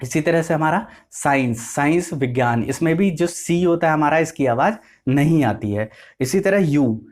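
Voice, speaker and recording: A man with a slightly raised voice teaches basic English. He goes slowly and repeats himself, spelling each word out letter by letter before he explains it. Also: on the high side, lively intonation, a little mellow. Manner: slow and repetitive, spelling words out letter by letter. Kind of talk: explanatory lesson.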